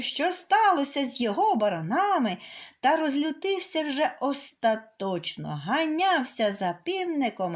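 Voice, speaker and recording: Fairy-tale narrator, woman, expressive and melodic, high-pitched, unhurried. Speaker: storyteller. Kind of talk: children's fairy tale reading.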